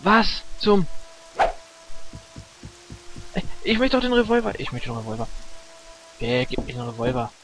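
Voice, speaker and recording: A man's voice: medium pitch, very animated, normal speed, pauses often, a bit bright, slight background noise, low-quality recording. A man giving casual let's play commentary, muttering reactions and swearing.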